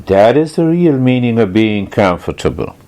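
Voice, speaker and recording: A man leads a guided meditation, instructing in a deliberate, explanatory way as he repeats key phrases and poses questions. His mid-range voice has a dark tone and a sing-song quality.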